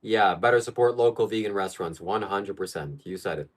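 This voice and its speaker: A Ukrainian man runs a casual live stream, reading questions from chat and answering them bluntly at a brisk clip. His voice is slightly low, and he states his opinions in a flat, certain way.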